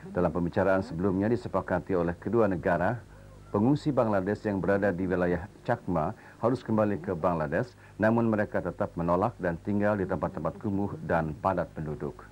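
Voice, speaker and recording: An Indonesian man anchors a television newscast in a notably low voice. He reads from a script formally, with measured enunciation. The old broadcast recording carries faint noise behind him. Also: darkish tone. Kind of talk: formal scripted news reading.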